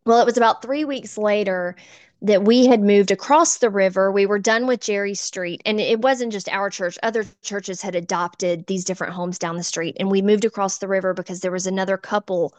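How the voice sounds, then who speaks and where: A woman's voice: mid-range voice, a little fast, no echo. A middle-aged woman, a church volunteer sharing an earnest, emotional personal testimony. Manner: earnest, emotional, gets choked up.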